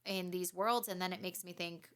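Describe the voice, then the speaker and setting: A woman's voice: fairly low pitch, steady tone, normal speed, fairly bright tone. A woman in her forties hosting a podcast in casual, self-mocking chat, laughing often. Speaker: podcast host.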